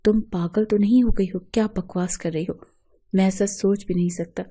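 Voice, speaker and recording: A woman's voice: mid-range voice, fairly even intonation, mellow, husky, lightly acted. A woman voicing a distraught husband who pleads and protests his innocence in a storybook reading. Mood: indignant. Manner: pleading, indignant. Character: distraught husband denying a false accusation.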